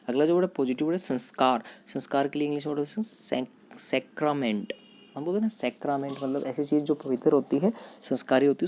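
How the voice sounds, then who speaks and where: A man teaching vocabulary to students, repeating each word, spelling it out letter by letter and pausing on fillers. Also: mid-range voice, a little mellow. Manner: addresses students directly, with hesitant fillers. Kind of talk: vocabulary lesson.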